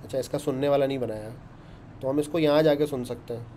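A man's voice: mid-range voice, steady tone, quick pace, mellow, a little hiss or hum. A man, teaching a casual coding lesson and chatting his way through each step. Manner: chatty, explains step by step with frequent "ṭhīk hai". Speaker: programming instructor.

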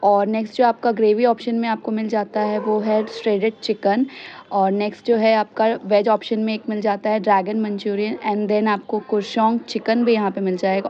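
A young woman with a mid-range voice vlogs a casual food review, chatting about each dish as she tastes it in a small indoor restaurant and outside its entrance. She films on a phone held at arm's length, and the audio sounds dull.

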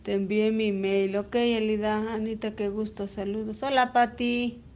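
A woman's voice: mid-range voice, flat delivery, a little slow, a little mellow, a little hiss or hum. Chatty Mexican woman teaching embroidery. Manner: chatty, greets viewers by name while stitching. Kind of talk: live-stream embroidery tutorial.

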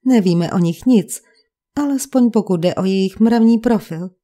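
A woman's voice: mid-range voice, warm tone, natural voice. A woman reading the part of a fussy English village vicar who speaks in a precise, cold and sarcastic way.

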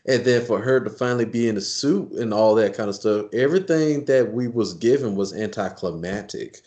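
A man's voice: lowish voice, moderate pace, darkish tone. A man co-hosting a casual podcast chat, loose and emphatic, repeating words as he builds his point. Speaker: podcast co-host.

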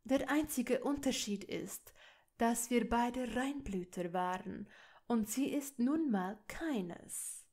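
A woman plays a haughty older aristocrat in an audiobook, full of scorn and raising his voice. He speaks slowly and fairly high, each word dripping with contempt. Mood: curt. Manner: loud, sneering, raised voice. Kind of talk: audiobook reading of fan fiction.

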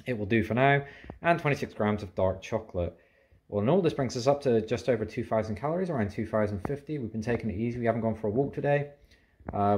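A young British man talking casually in a rambling, self-correcting video diary at home. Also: on the low side. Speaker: fitness vlogger.

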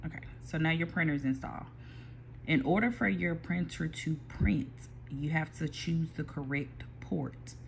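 With a touch of vocal fry, a mid-pitched, relaxed voice guides viewers through a computer workflow in a print shop owner's casual screen-recorded tutorial, pausing and picking back up between steps. The sound comes from a phone aimed at the screen in an ordinary indoor room, over a faint hum.

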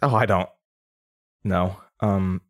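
In a naturalistic audio drama, a man with a deep, steady voice speaks slowly as he portrays a confused, nervous young man under interrogation. The character stammers and hesitates, sounding uneasy and defensive.

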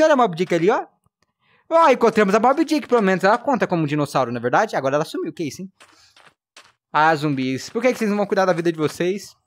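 A man streaming live gameplay, chatting playfully, scolding the creatures in the game and whining in mock sadness. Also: sits high. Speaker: gaming livestreamer.

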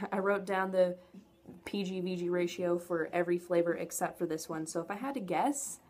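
A woman's voice: fairly low pitch, normal speed, a little mellow. A young adult woman giving a casual, enthusiastic product review to camera in an informal way. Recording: noticeable background noise, home camera audio.

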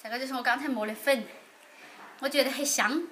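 Young female cooking vlogger, Sichuan dialect, fairly high voice, casual chat, noisy outdoor kitchen recording. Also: fairly quick, pushed and bright. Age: young adult. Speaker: cooking vlog host. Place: open-air village kitchen.

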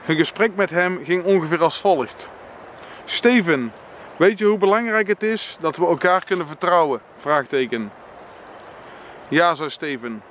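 Reading aloud from a book and reflecting on it, a man with a Dutch accent speaks slowly and earnestly, though expressively, in a high-sitting, slightly bright voice. He occasionally stumbles and corrects himself. A little hiss or hum can be heard.

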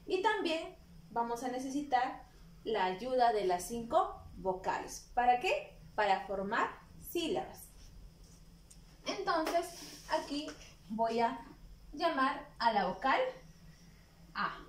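A woman from Peru teaching a phonics lesson to preschool children, drawing out each syllable slowly and asking them simple questions. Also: a little high, very animated. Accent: Peruvian Spanish. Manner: slow, drawn-out syllables, questions to young children. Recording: echoey room with faint noise.

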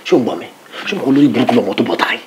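A man's voice: medium pitch, expressive, racing, very noisy, lightly acted. An actor playing a scheming young man who mixes Yoruba and English. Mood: scheming, sharp. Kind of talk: Nollywood film acting.

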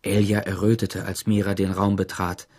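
A man narrating an audiobook in an expressive storytelling manner. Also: sits low, normal speed, husky. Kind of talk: scripted narration.

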